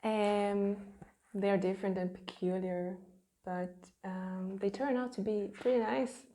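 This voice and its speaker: A woman who speaks natively, talking gently and thoughtfully with frequent pauses in a casual vlog from her home studio. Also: mid-range voice, steady tone. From Estonia. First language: Estonian. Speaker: children's book illustrator.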